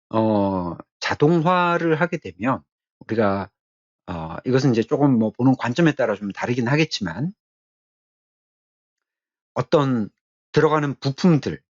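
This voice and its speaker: An instructor gives an explanatory technical lecture, speaking haltingly and repeating his key phrases. His voice is medium-pitched, and the lo-fi recording has no room sound.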